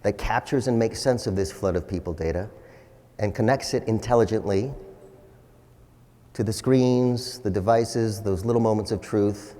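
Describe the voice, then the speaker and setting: A man delivering a corporate keynote with polished, enthusiastic executive delivery and emphatic, rhetorical pauses. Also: lowish voice, warm tone. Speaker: chief executive giving a keynote. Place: large indoor hall, on stage. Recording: large hall with long reverb.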